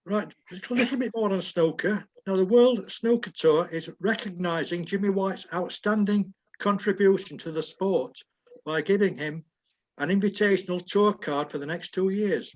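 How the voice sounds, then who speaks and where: A high-voiced man reads the week's sports news to his group, steady and plain, fixing his own slips. The video call sound is dull and muffled. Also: moderate pace. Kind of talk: reading sports news aloud.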